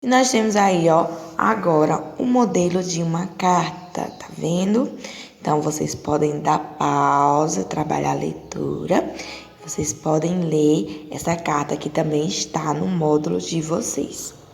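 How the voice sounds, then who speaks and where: A woman teacher with a Brazilian Portuguese accent, patiently explaining a lesson to children and slowly drawing out example words. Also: low voice, gravelly, a little mellow. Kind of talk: recorded classroom lesson. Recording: echoey room with long reverb.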